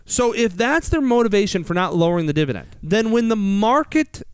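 An American male talk host with a high, clear voice. He explains things conversationally, posing rhetorical questions and repeating words for emphasis, in a very dry studio sound. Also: sing-song, brisk, no room sound. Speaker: financial radio show host.

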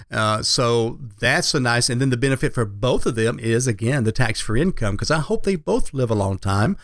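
A male financial advisor talks on a radio show in a folksy, conversational way, explaining as he goes. His pitch is medium and the sound is dry and close. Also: fairly bright tone, no echo.

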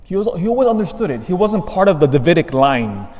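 A fairly high-pitched, very animated priest with a slightly mellow voice reads the Gospel and preaches at Mass. His voice rings through the long echo of a large church. He opens with measured reading and then leans into emphatic, rising stresses.

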